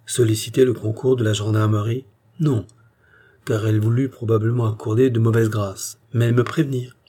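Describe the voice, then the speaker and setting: A man reading the part of a gruff, fatherly police chief who lectures his young inspector brusquely. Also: lowish voice, level tone, normal speed, mellow, natural voice. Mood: stern.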